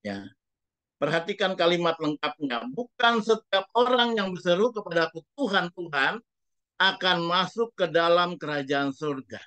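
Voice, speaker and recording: A man's voice: sits high, animated, normal speed, bright, forceful tone, no echo. A man preaching a sermon as a pastor, speaking emphatically and putting rhetorical questions to the congregation.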